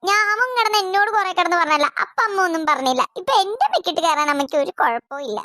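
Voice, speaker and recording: A woman's voice: extremely high pitch, expressive, very fast, pushed and bright, no room sound, clean studio sound, full character voice. Woman doing a sulky complaining older daughter. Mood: accusing. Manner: complaining, accusatory. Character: aggrieved teenage elder daughter, sulky and complaining.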